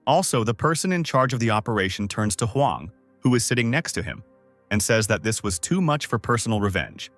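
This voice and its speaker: A man narrating a comic recap in a steady, scripted storytelling delivery. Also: medium pitch, fairly quick, faint music behind.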